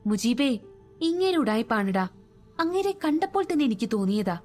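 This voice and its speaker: A woman's voice: fairly high pitch, sing-song, moderate pace, a little mellow, faint music behind. A woman voicing a skeptical young man who mutters scornfully under his breath, in a storybook reading. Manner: whispering scornfully.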